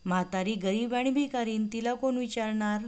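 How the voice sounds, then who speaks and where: A woman's voice: fairly high pitch, normal speed, a little mellow, clear, resonant tone, pitched above the performer's own voice, close to an everyday voice. A woman voicing an angry old beggar woman. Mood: indignant. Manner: scolding, bitter reproach. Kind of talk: devotional storytelling.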